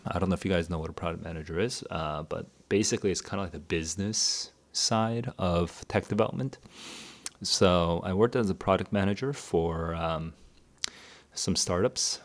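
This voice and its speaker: In a casual livestream Q&A, a tutor and educator in his thirties answers viewer questions. His voice sits low and moves at normal speed, and he's candid and rambling, thinking aloud as he goes.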